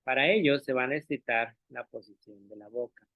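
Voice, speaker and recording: Brisk and with some vocal fry, a male language teacher at an ordinary pitch gives an explanatory online talk, patiently taking listeners step by step, often asking for agreement and modeling sounds aloud. His voice arrives dry and tinny over a narrow, phone-like line with no room reverb.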